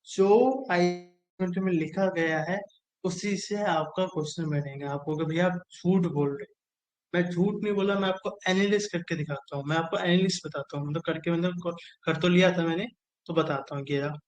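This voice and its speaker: Man, high-pitched voice, exam-prep teacher, repetitive coaxing delivery, casual online lesson. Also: moderate pace, rough recording. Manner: repetitive, drilling phrases over and over, coaxing.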